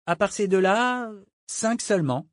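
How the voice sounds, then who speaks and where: A man's voice: high-pitched, expressive, a little slow, dry recording, clean studio sound, pitched above the performer's own voice. A man voicing an enthusiastic young ship's boy reporting to his captain. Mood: eager. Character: eager boy sailor, young and keen.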